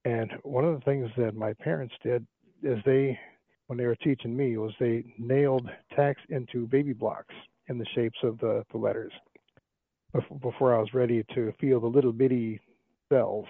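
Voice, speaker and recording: A man's voice: mid-range voice, fairly even intonation, moderate pace, no echo. A man calling in to a discussion, talking in a rambling way with frequent restarts. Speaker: caller. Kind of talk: casual phone-in talk. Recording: tinny phone line.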